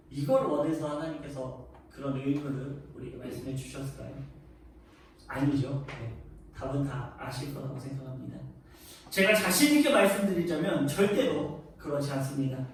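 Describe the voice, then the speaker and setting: A man preaching a sermon as a pastor, telling a family story in an earnest way that rises to emphatic peaks. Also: on the high side. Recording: echoey church hall, distant mic, faint noise.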